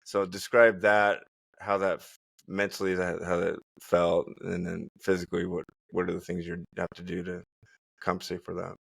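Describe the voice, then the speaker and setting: Man, podcast host, very low voice, dry sound, halting questions. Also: completely flat delivery, vocal fry, no room sound. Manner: halting, restarts his questions. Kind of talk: casual interview.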